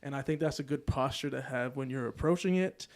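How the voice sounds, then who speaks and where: A man co-hosting a church podcast, explaining a study in a thoughtful, steady way. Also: medium pitch, brisk. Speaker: podcast co-host. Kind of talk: podcast discussion.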